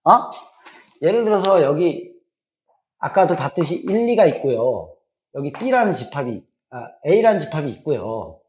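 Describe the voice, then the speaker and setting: A man's voice: fairly high pitch, sing-song, measured pace, darkish tone, muffled recording, slight background noise. A middle-aged man teaching a math class, repeating key points and often checking that students follow.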